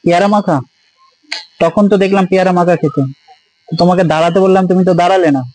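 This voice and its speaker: A man filming a street vlog, coaxing and gently scolding as he asks the same questions again and again. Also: high voice, little pitch movement, quick pace, dry recording, low-quality recording. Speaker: vlogger helping a homeless man. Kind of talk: casual street vlog talk. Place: outdoors on a street.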